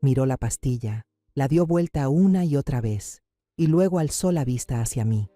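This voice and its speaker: A man's voice: medium pitch, expressive, moderate pace, warm tone, dry recording, studio quality, faint music behind. A man reading a somber, dramatic first-person story as scripted narration.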